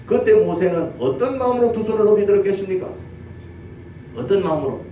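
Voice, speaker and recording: A male pastor with a Gyeongsang accent preaching a sermon, telling the story lively and asking his congregation questions. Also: sits high, brisk. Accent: Gyeongsang Korean. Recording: roomy church audio from a distance, faint noise.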